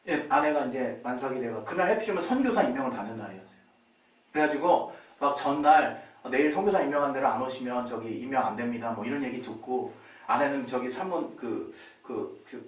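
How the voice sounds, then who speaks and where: Animated male pastor preaching. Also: mid-range voice. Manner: animated, laughs often, acts out quotes. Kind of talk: sermon with personal storytelling. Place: church. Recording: roomy church hall, distant mic.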